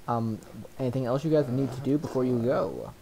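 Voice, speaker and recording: A man's voice: medium pitch, brisk, vocal fry, warm tone. A man narrating as game master in a casual, rambling way full of ums. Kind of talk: narrating a tabletop game online.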